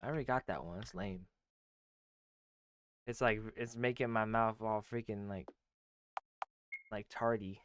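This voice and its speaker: A man giving quiet, rambling commentary while playing a story game, with game music behind. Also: lowish voice, steady tone, measured pace, long pauses, smooth. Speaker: let's play streamer.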